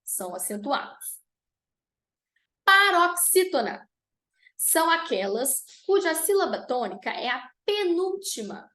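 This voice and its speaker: A woman's voice: very high-pitched, very animated, sharp tone. A woman teaching an online grammar lesson, spelling out rules and reading example words one by one. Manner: slow, deliberate dictation of rules and example words.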